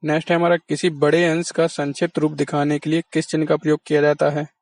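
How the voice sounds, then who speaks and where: A man's voice: fairly high pitch, monotone, fast, a little mellow. A man teaching an exam-prep lesson, patiently explaining and answering his own questions.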